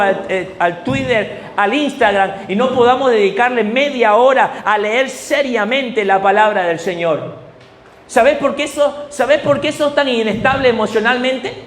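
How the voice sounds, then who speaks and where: A male pastor with a Bolivian Spanish accent preaching a fervent sermon, firing rhetorical questions and rising to shouts. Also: extremely high pitch, echoey room.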